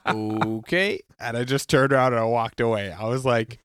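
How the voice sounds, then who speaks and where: A man's voice: medium pitch, fairly even intonation, quick pace, a bit bright, smooth, dry recording, clean studio sound. A man in casual chat, telling a funny story and laughing often while acting out what people said.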